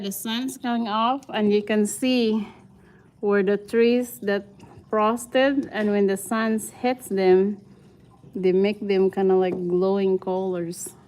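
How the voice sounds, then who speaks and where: With a medium-pitched, darkish voice, a woman from the Philippines chats her way through a house tour for her viewers, greeting them by name. She's a vlogger and a mother with a Filipino accent.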